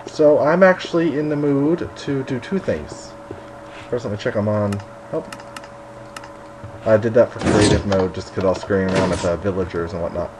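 A man's voice: lowish voice, moderate pace, background noise. A man hosting a casual game commentary, chatty and rambling with a self-mocking streak, a little tired late at night. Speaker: gaming video host.

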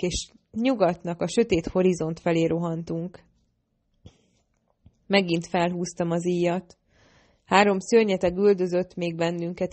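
Audiobook narrator, woman, slightly low voice, steady first-person fantasy reading.

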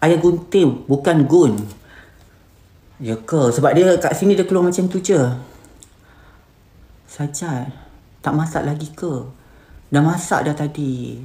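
A woman's voice: low-pitched, takes it slowly, long pauses, warm tone. A woman with a Malaysian Malay accent, an influencer hosting a live stream, reading viewer comments and answering bluntly, slipping English words into her speech. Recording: roomy echoey room.

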